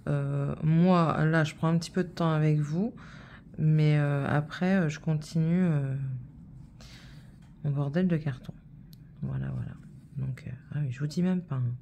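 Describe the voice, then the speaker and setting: A woman's voice: sits low, animated, a little slow, vocal fry, pauses often, dark tone, slight background noise. A woman in her thirties chatting casually while stitching, telling a rambling story full of fillers. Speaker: vlogger.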